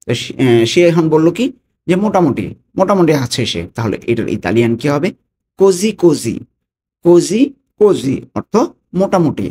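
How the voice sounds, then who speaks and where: Male tutor, language lesson, repeats phrases, voice jumps up on examples, faint rumble behind. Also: darkish tone. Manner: repeats phrases slowly, rises in pitch on example phrases.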